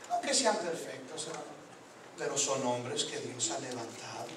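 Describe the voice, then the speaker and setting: A man's voice: medium pitch, lively intonation, moderate pace, very noisy. A man preaching a sermon to a congregation that answers him, emphatic and joking as he calls out to the people directly. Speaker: guest preacher. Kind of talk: Pentecostal-style sermon with call and response. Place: church service before a responding congregation. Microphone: distant from the microphone. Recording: echoey church hall from far off, congregation audible.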